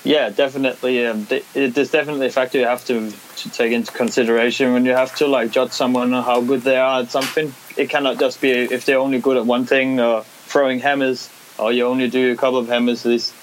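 This is a young man from Denmark with a Danish accent, a competition-winning skateboarder being interviewed casually. His medium-pitched voice is flat and fast with hardly any pauses, yet he hesitates with many restarts and fillers. The audio is poor, with faint hiss behind.

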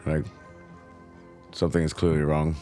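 A man's voice: very deep voice, monotone, normal speed, warm tone, faint music behind. A man chatting casually as a player in a tabletop role-playing game.

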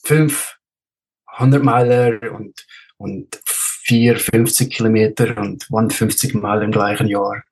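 A Swiss man who is an ultrarunner and race director chats casually as an interview guest, telling anecdotes in a Swiss German accent while searching for words and slipping in bits of English. His fairly low, husky voice has a darkish tone, little pitch movement, and an unhurried pace, captured on a low-quality recording.

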